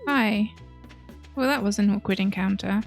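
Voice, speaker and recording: A woman hosting a let's play, chatting casually through her game and sometimes dropping into soft whispered asides. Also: medium pitch, normal speed, gravelly, faint music behind.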